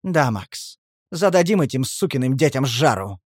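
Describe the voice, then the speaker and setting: A man's voice: medium pitch, sing-song, normal speed, slightly rough, no echo, clean studio sound. A man voicing a terse, grim American comrade in a fight.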